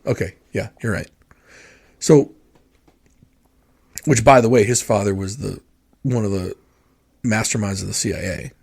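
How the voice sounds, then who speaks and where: Blunt husky man in his forties. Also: on the low side, measured pace, long pauses, darkish tone. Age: 40s. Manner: blunt, profane, rambling. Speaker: podcast co-host. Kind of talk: casual podcast chat.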